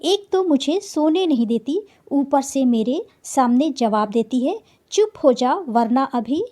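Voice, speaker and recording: A short-tempered storybook lion, king of the jungle, barking threats at a pest, as a woman voices him. His voice stays fairly high and warm. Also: expressive, measured pace. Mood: irritated. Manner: roaring threats.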